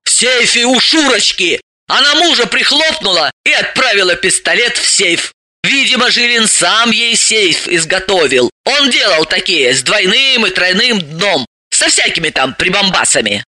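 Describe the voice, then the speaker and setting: A man's voice: sits high, very animated, normal speed, pushed and bright, no room sound, exaggerated voice. A man voicing a bossy, sardonic woman who gives orders and mocks. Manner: commanding, mocking.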